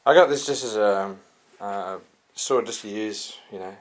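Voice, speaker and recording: A man's voice: fairly low pitch, normal speed. A man giving a casual, rambling product review with many fillers and restarts. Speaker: sword reviewer.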